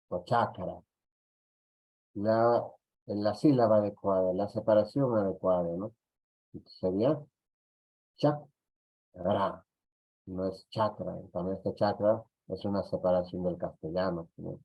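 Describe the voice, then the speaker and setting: A Peruvian man gives a slow, lower-pitched lecture in an online class, checking in over and over with little tag questions. The audio comes through a computer mic on a video call, and it sounds dull and lo-fi. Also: steady tone. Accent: Peruvian Spanish. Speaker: teacher.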